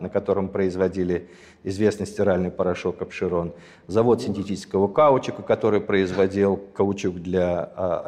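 A man in his sixties from Azerbaijan, a guest telling his life story in a measured, thoughtful way and pausing to find his words. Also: fairly low pitch, darkish tone. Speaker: interview guest. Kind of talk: reflective personal storytelling. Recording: long hall reverb.

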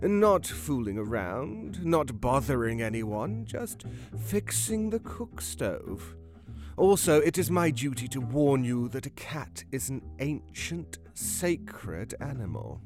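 A man's voice: medium pitch, very animated, takes it slowly, a little mellow, faint music behind. Behemoth, a man doing a melodramatic cat. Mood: grumpy. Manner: melodramatic, grandly self-pitying.

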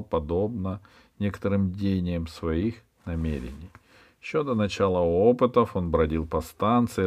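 A man narrating a children's adventure book in a calm, steady reading manner. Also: sits low. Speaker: audiobook reader. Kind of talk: storybook narration.

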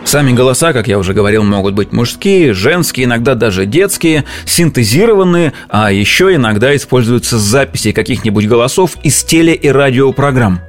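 A man's voice: mid-range voice, expressive, fairly quick, few pauses. Conversational man explaining over music. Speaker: presenter. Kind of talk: informal explainer narration.

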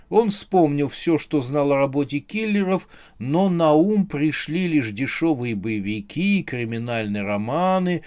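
A man reading a comic horror audiobook in a measured, expressive narration. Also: mid-range voice.

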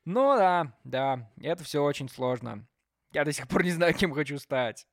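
Animated young man, dry close sound. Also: on the high side, a little slow, no room sound. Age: 20s. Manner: animated, theatrical, jumps between loud and hushed. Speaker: podcast host. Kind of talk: casual podcast chat.

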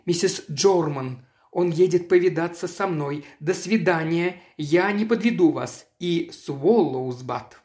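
A woman's voice: on the low side, slow pace, a little mellow. A reader voicing a polite, composed young woman who feigns sweet innocence in an audiobook. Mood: calm. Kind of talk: audiobook character voice.

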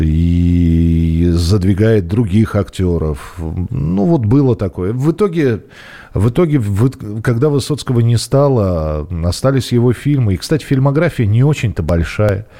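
Low mellow guy hosting a radio call-in, chatty, lots of ums. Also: expressive, unhurried. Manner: conversational, musing, with frequent fillers. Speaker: radio host.

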